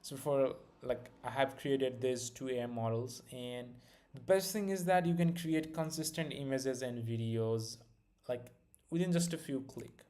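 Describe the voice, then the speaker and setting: Speaking unhurriedly with few pauses, this young streamer has a warm, medium-pitched voice and an Indian accent. He rambles easygoing through casual chat and a product demonstration, leaning on filler words and often starting sentences over.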